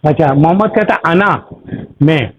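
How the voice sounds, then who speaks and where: High-voiced teacher on a tinny line. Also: male voice, expressive, moderate pace, crowd noise. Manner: patient, explains step by step with examples and checks. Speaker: Arabic teacher. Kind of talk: classroom explanation. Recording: tinny phone-like recording.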